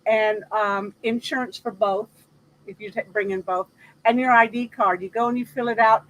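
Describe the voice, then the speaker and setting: A woman's voice: fairly high pitch, steady tone, normal speed, a bit bright, lo-fi sound. A woman hosting a casual live chat about everyday practical matters, speaking conversationally.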